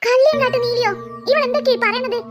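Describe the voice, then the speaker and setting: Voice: very high-pitched, steady tone, fast talker, soft background music. A performer voicing a frightened young girl who pleads and stammers in panic. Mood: scared. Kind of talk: cartoon voice acting.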